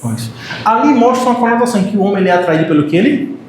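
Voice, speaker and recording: High-voiced Brazilian preacher in an echoey church. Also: male voice, racing. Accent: Brazilian Portuguese. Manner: animated, joking with the congregation, acts out short quotes. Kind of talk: sermon. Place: church hall. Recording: very echoey church hall, faint noise.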